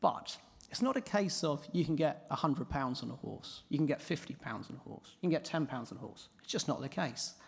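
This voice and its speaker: A man with a hoarse, croaky voice giving a prepared conference presentation. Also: fairly high pitch, expressive, brisk, few pauses. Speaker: conference speaker. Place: large echoing indoor hall. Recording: reverberant hall.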